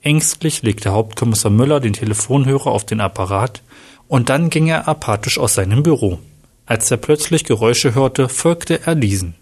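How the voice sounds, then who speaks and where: A man narrating a story in a plain, steady reading style with a husky voice. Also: medium pitch, moderate pace.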